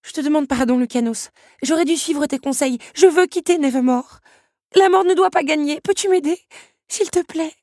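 A woman's voice: high-pitched, moderate pace, a little mellow, no echo, clean studio sound, pitched above the performer's own voice. A woman voicing a tearful, pleading young woman. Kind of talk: audiobook reading.

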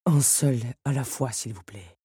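A woman voicing a male beast, lord of the castle, calm and commanding. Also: very deep voice, unhurried, husky, no room sound, clean studio sound, heavily acted. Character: gruff lordly beast, male, worried master.

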